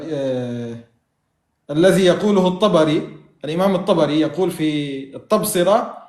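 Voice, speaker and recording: High-pitched man debating. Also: a little mellow, roomy sound. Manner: argumentative, quoting texts, mocking laughs. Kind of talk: heated religious debate.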